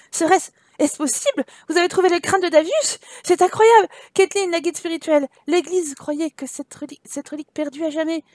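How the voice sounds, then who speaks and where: Lady putting on a formal game inquisitor, solemn and high, raised up from her normal voice, no room sound. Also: moderate pace, darkish tone, no echo, lightly acted. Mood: formal, impressed. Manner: formal, solemn reading of praise. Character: female church inquisitor, formal and stately.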